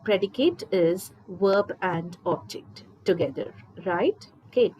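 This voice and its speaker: Slow, patient woman teacher. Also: mid-range voice, darkish tone, slight background noise, low-quality recording. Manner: slow, patient explaining, addresses students directly. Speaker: English teacher. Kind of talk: recorded school lesson.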